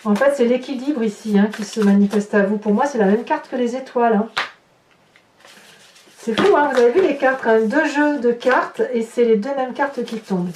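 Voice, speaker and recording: A tarot reader and horoscope host improvises a conversational reading for viewers, commenting on each card as she turns it and adding little interjections to her phrases. Her voice is fairly high and moderately paced. The room is echoey, the mic distant, with faint noise.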